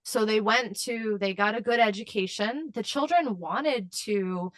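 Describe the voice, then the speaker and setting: A woman's voice: mid-range voice, measured pace, dry recording. A woman guest in an interview, answering at length in an impassioned way with fillers and restarts. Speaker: advocacy guest.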